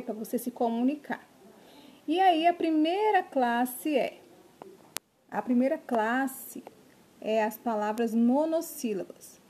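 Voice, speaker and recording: Teaching little children online, a primary school teacher breaks words into syllables one at a time and frequently asks if they're keeping up. She speaks in a high, mellow voice.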